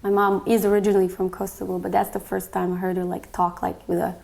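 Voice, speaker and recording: A young woman from Bosnia giving a reflective personal testimony, soft-spoken and full of small fillers. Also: mid-range voice, flat delivery, fast talker, creaky. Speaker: interviewee.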